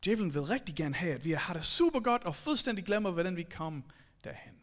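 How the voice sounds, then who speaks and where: A man's voice: sits high, big pitch swings, fairly bright tone. A man preaching a sermon, telling stories animatedly and addressing the audience directly. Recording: long hall reverb.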